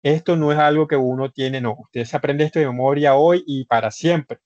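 A man's voice: on the high side, moderate pace, darkish tone, no room sound, lo-fi sound. A man with a Colombian Spanish accent teaching an online English class. He explains grammar step by step, repeats his points and addresses the students formally.

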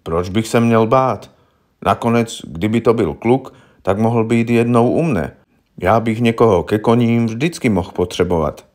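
A simple, stubborn farmer, as a male reader puts him on, talking bluntly in plain country speech. The voice sits a little low, part of an audiobook story reading. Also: a little mellow, close to an everyday voice. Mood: plainspoken. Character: simple, stubborn middle-aged male farmer accused of murder.

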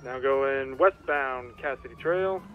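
A man's voice: mid-range voice, takes it slowly. Male officer on police radio, dull lo-fi line, clipped routine callouts. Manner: clipped, routine dispatch phrasing. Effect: in-game police radio, muffled and lo-fi. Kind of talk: radio callouts in game roleplay. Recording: dull radio audio with music.

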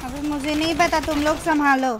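A woman's voice: sits high, fairly even intonation, brisk, noisy background. A woman giving frantic commentary while playing a zombie shooter, exasperated, swearing often and pleading with her teammates. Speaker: mobile game streamer.

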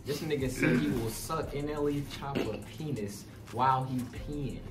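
A man's voice: mid-range voice, normal speed. A man hosting a casual food chat with friends, talking in a loose, rambling way and swearing freely. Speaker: host. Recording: roomy echo, from far off, loud music behind.

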